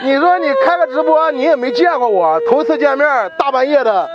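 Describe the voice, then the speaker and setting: Brief: high, quick-talking man pranking outdoors at night, teasing, stammery, loud music under him. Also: lively intonation, highs cut off. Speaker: prank video host. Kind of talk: casual prank talk.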